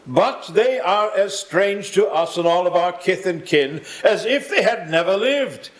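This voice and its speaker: A man plays a solemn ghostly guide in a stage radio play. The voice is high for a male, with measured, formal delivery. He commands and instructs with grand declamation. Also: lively intonation. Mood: stern. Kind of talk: live radio play acting.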